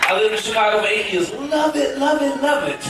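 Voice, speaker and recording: High-voiced comedian working a crowd. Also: male voice, animated, brisk, very noisy. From Memphis, Tennessee, US. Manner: loud, hyped, playful, shouting to the crowd. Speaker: stand-up comedian. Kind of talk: stand-up crowd work. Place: cruise ship theater, live show. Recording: echoey live theater from far off, loud crowd.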